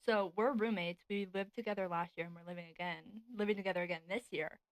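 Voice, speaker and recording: A nineteen-year-old woman co-hosting a casual chat podcast, talking loosely with lots of "like" and quick laughs. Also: fairly low pitch, steady tone, dry recording, poor audio. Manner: chatty, laughs often, lots of "like". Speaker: podcast co-host. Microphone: desk podcast mic.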